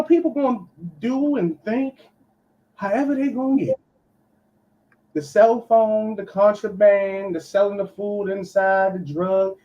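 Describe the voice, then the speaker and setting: A man's voice: high-pitched, dark tone. A man, a pastor calling in on a muffled line that sounds like he is in a tunnel, giving emphatic, preachy commentary and dropping in "okay" to drive his points home. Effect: muffled call-in line, as if in a tunnel. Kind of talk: call-in commentary. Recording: muffled call audio with faint hiss.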